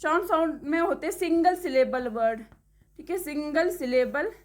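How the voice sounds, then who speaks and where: High-voiced woman teaching pronunciation. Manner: explains step by step, often checks in with "okay"; slowly spells words out letter by letter. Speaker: English teacher. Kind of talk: classroom-style lesson.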